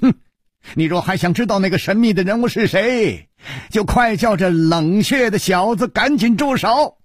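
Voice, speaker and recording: A man voicing an arrogant young swordsman in a storytelling reading, loud and mocking in manner. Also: sits high, expressive, racing, breathy edge, dry recording, studio quality, voice pushed up. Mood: commanding.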